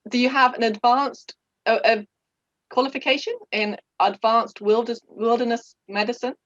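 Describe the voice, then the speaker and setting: A woman's voice: on the high side, fairly even intonation, moderate pace, fairly bright tone, no echo. A woman in her thirties hosting a casual interview, friendly and giggly, with frequent fillers. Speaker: podcast host. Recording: dull, dry lo-fi audio.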